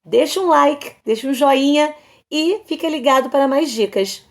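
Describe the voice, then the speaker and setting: A woman from Brazil giving an online English lesson, explaining patiently and slowly repeating example sentences for her students. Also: high-pitched. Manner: addresses students casually as "galera". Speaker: English teacher.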